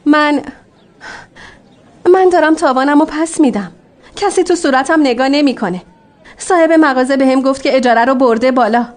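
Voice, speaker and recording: A woman's voice: high-pitched, pauses often, close to an everyday voice. A woman voicing a remorseful young woman begging forgiveness in a dubbed TV drama, in a contrite tone. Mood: pleading. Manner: pleading, contrite.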